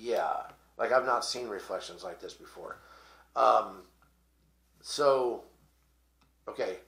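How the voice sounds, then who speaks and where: A man's voice: lowish voice, takes it slowly, vocal fry, fairly bright tone, echoey room. A man hosting a casual talk show, explaining crypto tokens in a rambling way with lots of fillers and restarts. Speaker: podcast host.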